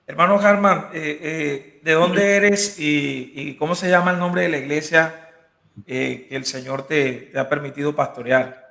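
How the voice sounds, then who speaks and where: A man's voice: a little high, steady tone, unhurried, vocal fry, bright, forceful tone. A man hosting a church discussion program, welcoming his guests and speaking with many fillers. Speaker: host. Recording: echoey room.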